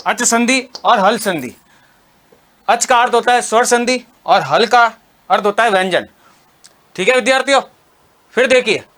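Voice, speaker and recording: A man's voice: sits high, pushed and bright. A young male teacher giving an exam-prep lesson on Sanskrit grammar. He keeps asking the students questions and then answers them himself. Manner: calls the listeners students and friends.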